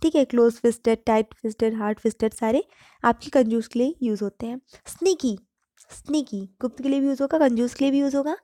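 A woman teaching vocabulary, explaining in Hindi with words mixed in and repeating each word slowly for pronunciation. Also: on the high side, mellow, no echo, clean studio sound. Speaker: English teacher. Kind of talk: vocabulary lesson.

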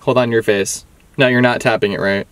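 A man's voice: medium pitch, steady tone, brisk, heavy background noise. A young man chatting casually and teasingly to camera as a vlogger inside a car. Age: young adult. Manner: playful teasing of his grandmother. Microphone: camera in front at arm's length.

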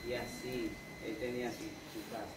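A man's voice: medium pitch, level tone. A man chatting in a home kitchen, telling a story casually. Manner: storytelling, quick. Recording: distant in echoey kitchen.

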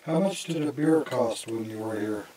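A man investigating the paranormal at night, putting short, plain questions to spirits with pauses between them. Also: mid-range voice, dark tone. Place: outdoors at night in a ruin. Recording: noisy outdoor night recording. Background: animal noises, dogs barking in the distance.

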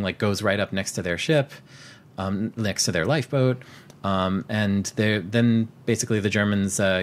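Low-voiced man recapping a film. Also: slight background noise. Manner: rambling with frequent fillers and restarts. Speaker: podcast co-host. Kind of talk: casual film recap chat.

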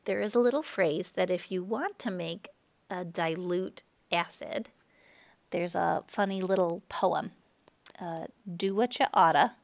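Woman, chemistry teacher, gravelly low voice, relaxed explaining, recorded lecture. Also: a little slow. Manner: explanatory, relaxed, with fillers and self-corrections.

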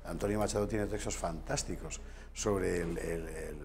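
A low-pitched man in his fifties talks on a TV news set with a lapel mic. He speaks as a guest in a studio discussion, rambling and digressive, with dry, wry asides. A faint hum of room noise sits under his voice. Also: steady tone, moderate pace, vocal fry, darkish tone.

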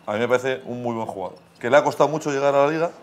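A man at a middle pitch talks haltingly on a casual panel, circling back over his own words. His voice sits in an ordinary range. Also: slight background noise. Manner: halting, repeats himself. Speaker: show director on panel. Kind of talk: casual studio chat.

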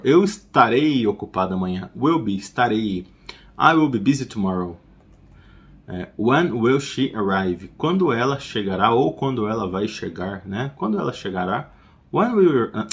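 Chatty Brazilian man teaching English words. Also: medium pitch. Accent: Brazilian Portuguese. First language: Portuguese. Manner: chatty, digresses and corrects himself. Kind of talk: casual language lesson.

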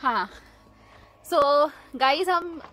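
High-voiced chatty woman travel vlogger. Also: very slow, bright, forceful tone, faint music behind. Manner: chatty, mixes English into Hindi, laughs often. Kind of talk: casual travel vlog. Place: outdoors in a mountain town. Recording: noisy outdoor background.

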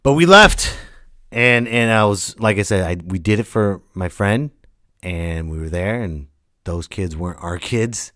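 Fairly low in pitch, with lively intonation and a fairly bright tone, this man speaks unhurriedly. He's a late-thirties solo podcast host who rants and tells casual stories in a blunt, emphatic style, swearing and acting out quotes. The studio-quality audio has no room sound.

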